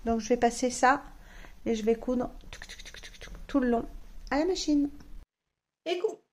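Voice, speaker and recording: A woman vlogging at home while she sews, talking slowly in a rather high voice. She hesitates and rambles, full of fillers and self-mocking asides. The room gives her voice a clear echo. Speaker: sewing vlogger. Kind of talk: casual chat to camera. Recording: roomy echo.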